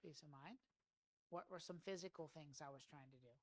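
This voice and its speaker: A man's voice: on the high side, brisk, no room sound. A man giving an in-house sales training talk in a folksy, conversational way, often quizzing his audience with questions. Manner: folksy, repeats words when restarting.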